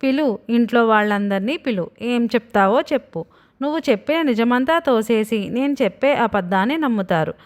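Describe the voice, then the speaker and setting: A woman's voice: fairly high pitch, expressive, normal speed, lightly acted. A woman voicing a cheeky schoolboy son in his father's body, who talks back defiantly and taunts.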